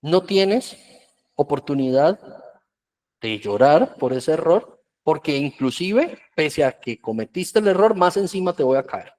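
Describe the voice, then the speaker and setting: A man explains children's emotions in a virtual workshop. His voice sits a little high for a man, and his delivery is earnest and steady. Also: a little slow. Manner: earnest, explanatory, acts out parents' scolding in quotes.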